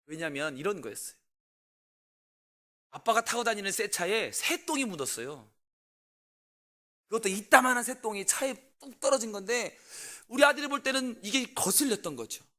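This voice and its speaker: Lively, animated Korean pastor. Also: male voice, high voice, normal speed, pauses often. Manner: animated, swings between loud outbursts and quiet asides; asks the congregation questions. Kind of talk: storytelling sermon.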